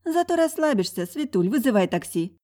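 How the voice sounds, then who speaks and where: Larisa, a woman doing a loud brash girlfriend. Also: a little high, very animated, fairly quick, voice pushed up. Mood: cheering. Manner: loud, coarse, emphatic. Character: brash, glamorous woman friend, blunt and bossy.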